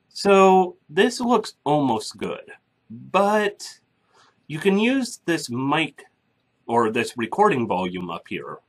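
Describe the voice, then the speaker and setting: Husky-voiced man giving a slow, lively tutorial. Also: a little high. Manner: chatty and blunt, explaining step by step. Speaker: podcasting tutorial host. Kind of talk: casual screen-recorded tutorial. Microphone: microphone through a soundboard.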